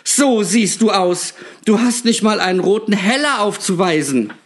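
Man putting on a shrill shrieking shopkeeper woman. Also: big pitch swings, a little slow, exaggerated voice. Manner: shrieking, high and strained.

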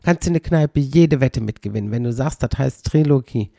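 A man's voice: medium pitch, animated, fairly quick, gravelly, dark tone, no room sound, clean studio sound. A man hosting a podcast in a rambling, wry casual monologue, often mimicking how people pronounce words. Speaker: podcast host.

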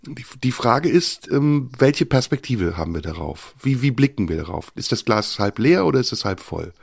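A man telling a listener a personal story, reflective and unhurried, often pausing with fillers. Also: mid-range voice, very animated, vocal fry, husky, no echo, studio quality.

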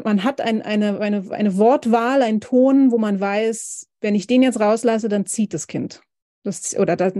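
Thoughtful woman, mellow, halting. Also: medium pitch, no echo, studio quality. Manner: thoughtful, halting with many repeated starts. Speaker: podcast guest, family counselor. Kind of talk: casual podcast conversation.

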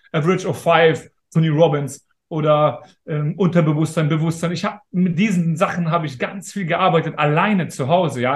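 Man, 30s, fairly high voice, emphatic, motivational, casual interview, roomy echo. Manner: emphatic, motivational, talks straight to listeners. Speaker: interview guest.

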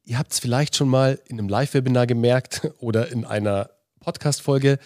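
A man's voice: medium pitch, a little fast, darkish tone, no echo, clean studio sound. A man co-hosting a marketing podcast, upbeat and speaking straight to the listeners. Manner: upbeat, encouraging, addresses listeners directly. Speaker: podcast co-host. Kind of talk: casual podcast chat.

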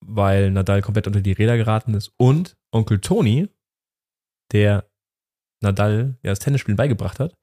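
A man's voice: on the low side, moderate pace, warm tone. A man co-hosting a casual podcast chat, emphatic and repeating his points. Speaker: podcast co-host.

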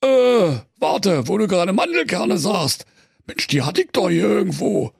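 A man's voice: high-pitched, big pitch swings, a little slow, creaky, breathy edge, dry recording, clean studio sound, voice pushed up, exaggerated voice. A man voicing a bumbling male bear who blusters and stammers. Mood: flustered. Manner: sheepish, flustered, blustering. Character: big bumbling male bear posing as Ruprecht.

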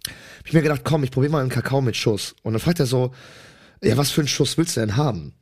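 A man's voice: medium pitch, quick pace, darkish tone. A man co-hosting a comedy podcast in casual chat, rambling and slangy with crude humour.

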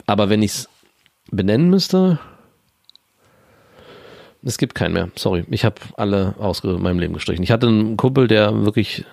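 A man in his thirties co-hosting a casual podcast, speaking dry and matter-of-fact, often trailing off into a low mutter. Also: lively intonation, normal speed, creaky, pauses often, darkish tone, no room sound. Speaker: podcast co-host.

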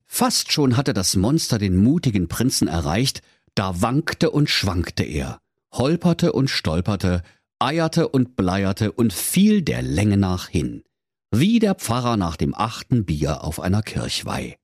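A man's voice: fairly low pitch, big pitch swings, takes it slowly, slightly rough, no echo, clean studio sound. A man narrating a comic fairy tale playfully and theatrically, full of wordplay. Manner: playful, theatrical, pun-filled. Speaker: storyteller.

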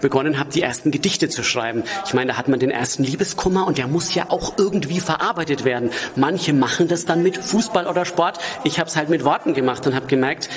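A man's voice: a little high, a little fast, few pauses. A man in his forties with a Franconian accent and a rolled r, answering conversationally as an interview guest. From Franconia, Germany. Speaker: poet and author, interview guest.

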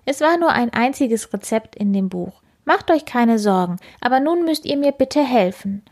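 A woman's voice: fairly high pitch, lively intonation, moderate pace, a little mellow, voice pushed up. A woman voicing a small, kind and caring strawberry fairy in a storybook reading, speaking up in a raised, eager voice.

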